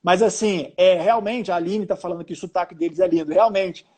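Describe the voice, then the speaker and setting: A Brazilian journalist with a high, darkish voice speaks briskly with fairly even intonation over a video call. In this casual interview chat, his Brazilian Portuguese accent comes through as he tells stories full of restarts and fillers.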